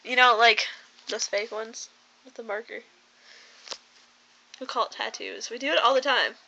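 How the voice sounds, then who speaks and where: A woman's voice: on the high side, steady tone, normal speed, vocal fry, bright, forceful tone, highs cut off. A teenage girl chatting to her webcam in a bubbly, rambling, playful way at a friend's house. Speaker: vlogger. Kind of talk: casual vlog chat to camera. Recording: noisy home recording.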